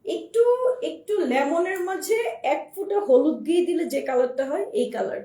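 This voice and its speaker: Hoarse, high-voiced woman selling dresses live. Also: lively intonation, normal speed, warm tone. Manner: chatty, addresses viewers directly, repeats herself. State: hoarse from a cold. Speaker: online clothing seller. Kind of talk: live-stream product showcase. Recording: roomy echo, voice far from the mic.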